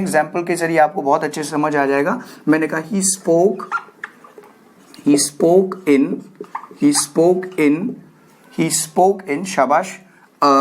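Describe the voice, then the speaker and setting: A man with an Indian accent teaching English vocabulary, dictating example sentences slowly and getting listeners to repeat words after him. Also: fairly high pitch. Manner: coaxes viewers to repeat words, praising them. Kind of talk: classroom-style vocabulary lesson.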